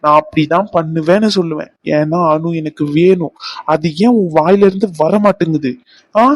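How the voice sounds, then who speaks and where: A man's voice: fairly high pitch, moderate pace, no echo, close to an everyday voice. A man voicing insistent cartoon lover Ragu. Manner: insistent, demanding answers. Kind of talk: cartoon voice acting.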